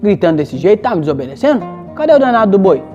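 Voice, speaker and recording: A woman's voice: medium pitch, sing-song, racing, warm tone, lo-fi sound, soft background music, natural voice. A woman with a Brazilian accent voicing a cruel, scolding plantation baron in a told folk tale. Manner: scolding, threatening. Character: harsh, cruel plantation baron, older man.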